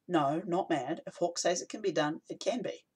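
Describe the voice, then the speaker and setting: A man voicing a tired, brisk woman who leads a rebel cell, curt and weary in manner, in an audiobook. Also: fairly high pitch, a little mellow, slightly rough.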